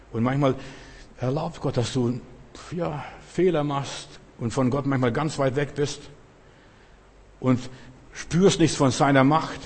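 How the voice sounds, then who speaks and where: Husky male preacher in a reverberant hall. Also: medium pitch, a little mellow. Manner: emphatic, repetitive preaching with rising bursts. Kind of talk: sermon.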